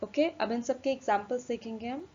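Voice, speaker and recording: A woman teaching an English lesson, switching between Hindi and English and spelling words letter by letter, slowing down for English definitions. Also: on the high side, mellow. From India. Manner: slows right down for English definitions. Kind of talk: recorded classroom lesson. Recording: dull lo-fi recording with faint room noise.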